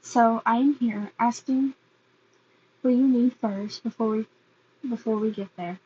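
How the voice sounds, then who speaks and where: A woman voicing a gruff, hot-tempered teenage boy in a fan fiction reading. She speaks haltingly and restarts her phrases often. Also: fairly high pitch, fairly even intonation, dull audio. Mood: earnest.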